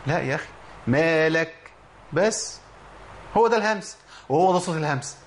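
Egyptian sheikh teaching Quran pronunciation. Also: male voice, sits high, slight background noise. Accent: Egyptian Arabic. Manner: lively, quizzes listeners, demonstrates letters with slow drawn-out recitation. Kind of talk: spoken tajweed lesson.

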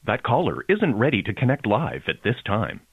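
A man's voice: wildly swooping pitch, moderate pace, music in the background. Spliced-together automated phone menu man. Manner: stilted, jumps in pitch between spliced words. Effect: prerecorded phone prompts with spliced together words. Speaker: automated chat line prompt voice. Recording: tinny phone line.

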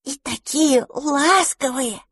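A woman voicing a young boy mouse, eager and kind, talking in an excited way. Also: high-pitched, takes it slowly, no room sound, clean studio sound, voice pushed up. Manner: excited, bright-eyed.

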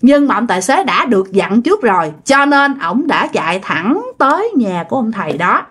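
A woman tells a ghost story in a chatty, casual way, often turning to her listeners. Her voice sits high and moves in lively swings of pitch. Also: normal speed, slightly rough. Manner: chatty, addresses listeners directly.

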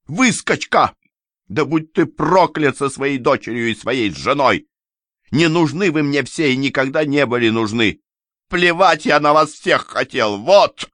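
A man's voice: mid-range voice, lively intonation, a little slow, bright, forceful tone, dry recording, clean studio sound, pitched above the performer's own voice. A man voicing an insolent, sneering young nobleman who mocks his in-laws. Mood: spiteful. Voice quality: brash, mocking.

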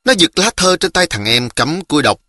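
A man reading a children's novel aloud in a lively storytelling manner. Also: fairly high pitch, moderate pace, no room sound, studio quality.

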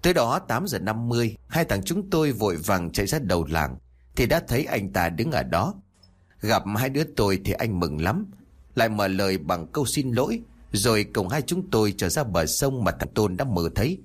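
A man narrating a village ghost story in the first person, with expressive, lively storytelling. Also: fairly low pitch, breathy edge.

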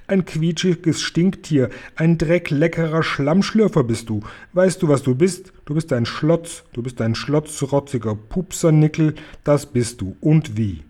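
A man voicing a brutish male giant who eats people, reading a storybook aloud in a loud, sneering and boastful way. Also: mid-range voice, lively intonation, normal speed, close to an everyday voice.

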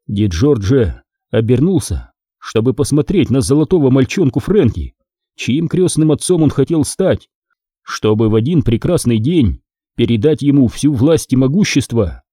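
Man, audiobook narration, expressive, warm husky voice, dry close sound. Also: medium pitch, normal speed, no echo. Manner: expressive storytelling.

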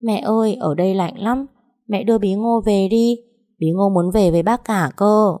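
A woman's voice: medium pitch, moderate pace, warm tone, voice pushed up, close to an everyday voice. A woman voicing a small, frightened little girl who is tearful and clingy, in an audiobook story. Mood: tearful pleading. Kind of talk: audiobook dialogue.

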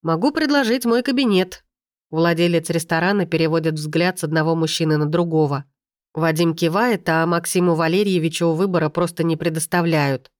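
A woman reading a first-person novel aloud in a steady storytelling manner. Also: deep voice, brisk, no echo, studio quality. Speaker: audiobook narrator.

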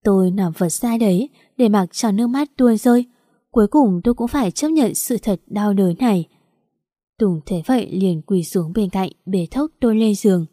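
Mellow-voiced woman narrating a drama. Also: medium pitch, normal speed, no room sound, studio quality. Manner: emotional, dramatic first-person telling. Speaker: story narrator. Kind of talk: first-person audio story narration.

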